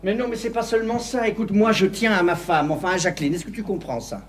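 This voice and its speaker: A man's voice: sits high, lively intonation, fast talker. A man playing a flustered married man in a stage farce, protesting with stammering embarrassment. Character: flustered married man resisting a young woman's advances. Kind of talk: filmed stage farce acting.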